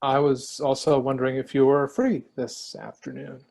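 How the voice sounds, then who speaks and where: A man playing an easygoing, slightly awkward high school boy, mild and hesitant, in a play reading. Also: very animated, normal speed, a little mellow, natural voice.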